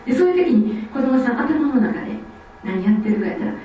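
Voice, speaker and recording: A woman from Osaka, giving a lively lecture on child development. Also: high-pitched, quick pace, lo-fi sound, slight background noise. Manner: lively, acts out children's speech. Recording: echoey hall, distant mic, faint ambience.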